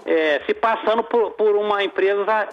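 A man with a notably high voice calls into a radio show, heard over the phone. His speech comes through muffled and lo-fi, and he stalls and repeats words as he lays out his complaint. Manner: halting, repeats words while searching. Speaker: caller. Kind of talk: casual call-in complaint. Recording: dull phone-line sound on a radio show.

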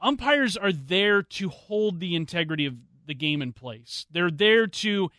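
A man hosting a sports talk show, giving his opinions in animated, casual chat on a studio mic. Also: high-pitched, measured pace, dry recording. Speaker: sports radio host.

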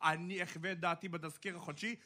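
An actor playing a self-important senior official in a radio comedy sketch, pompous, officious and evasive. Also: male voice, high voice, steady tone, sharp tone.

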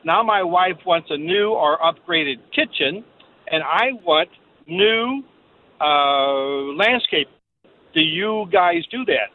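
Radio show caller, male, slightly high voice, tinny phone-line sound, halting and plain. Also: expressive. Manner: plain-spoken, halting with fillers. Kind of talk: casual call-in question.

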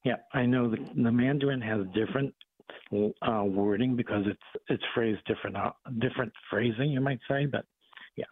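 Boston-accented doctor on a phone line. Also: male voice, mid-range voice, normal speed. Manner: calm and explanatory, with many fillers. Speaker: doctor and regular guest. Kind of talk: casual phone-in chat. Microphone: telephone.

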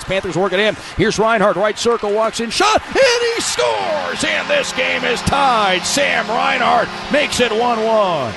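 High-pitched man calling rapid hockey play-by-play. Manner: excited, shouting on goals. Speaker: hockey play-by-play radio announcer. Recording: radio broadcast over loud arena noise. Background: loud arena ambience.

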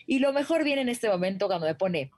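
Female co-host, mid pitch, animated gossip storyteller, dry studio sound. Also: brisk, dry recording. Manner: animated storytelling, laughing often. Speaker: entertainment show co-host. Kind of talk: casual gossip chat.

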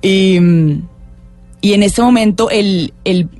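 A young woman sits as a guest in a relaxed talk-show conversation. She tells her story with real energy and acts out the voices of the people in it. Faint music plays softly behind her. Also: mid-range voice, takes it slowly, no room sound. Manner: animated storyteller, acts out what others said. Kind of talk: casual talk-show interview.

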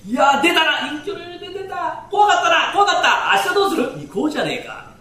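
Rough, excitable Edo townsmen, played by a male storyteller trade slangy banter. The voice jumps up and down with lively swings. It echoes from a distant mic in a hall. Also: very high voice, brisk, voice pushed up, heavily acted. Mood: chatty. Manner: rough, slangy street talk. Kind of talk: rakugo character dialogue.

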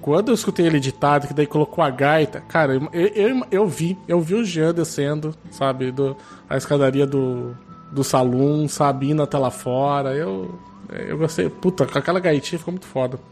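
A man's voice: on the high side, moderate pace, a little mellow, faint music behind. A man with a Brazilian Portuguese accent, co-hosting a podcast, laughing often and reading listener comments aloud. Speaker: podcast co-host. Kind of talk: casual podcast chat.

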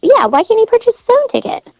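A woman's voice: very high voice, huge pitch swings, quick pace, no echo. Woman caller through a morphing voice changer. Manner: hesitant, with many fillers. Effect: voice disguised by a voice changer. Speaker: radio call-in caller. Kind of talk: casual phone chat. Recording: dull lo-fi phone line.

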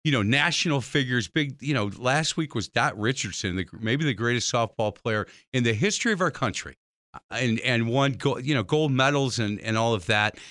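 A man hosting a radio talk show, telling stories in a lively, jokey way. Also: normal speed, no room sound, studio quality. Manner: animated, jokey, swings pitch widely when telling stories. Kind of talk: lively conversational storytelling.

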